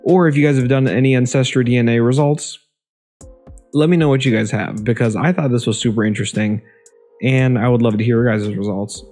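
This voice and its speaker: A young man vlogging casually from a small room at home, talking into a desk microphone in front of a green screen, chatty and relaxed, often repeating himself and saying um. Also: mid-range voice, a little fast, faint music behind. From Ohio, USA. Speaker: YouTube vlogger. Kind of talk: casual vlog talk. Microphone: desk microphone near the face.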